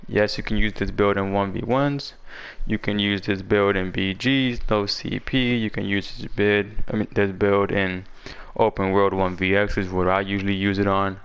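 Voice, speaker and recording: A man with a lowish, smooth voice walks through a game build guide in casual, slangy speech. He sounds a little parched from being sick.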